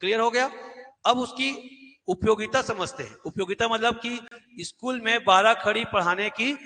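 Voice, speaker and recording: A man's voice: sits high, moderate pace, pushed and bright, in a large hall. A man teaching an exam-prep lesson at a board, asking questions and answering them himself and repeating key words. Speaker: Hindi teacher.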